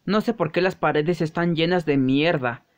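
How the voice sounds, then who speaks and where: A man's voice: on the high side, normal speed. A man doing a playful voice-over for a game parody, making his own sound effects. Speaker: YouTuber.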